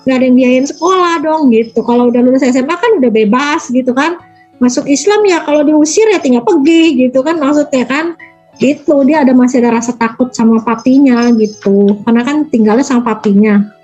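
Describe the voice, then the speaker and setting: Chatty woman in her 40s, high voice, rambling story in an interview, faint music behind. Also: fairly quick, darkish tone, poor audio. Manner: chatty, acts out quoted people in a higher voice. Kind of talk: casual storytelling.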